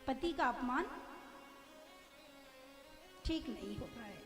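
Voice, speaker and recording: A woman's voice: sits high, expressive, takes it slowly. A woman preacher telling a devotional scripture story and chanting verses between her plain telling. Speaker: religious preacher. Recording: echoey hall with music.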